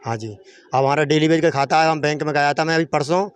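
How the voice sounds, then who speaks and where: A man's voice: on the high side, fairly quick, clean tone, no echo. A man interviewed as a fraud victim, steadily recounting what happened.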